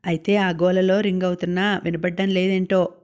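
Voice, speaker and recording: A woman's voice: on the low side, level tone, normal speed, darkish tone, natural voice. A woman voicing an impatient male boss who gives curt orders, in an audiobook.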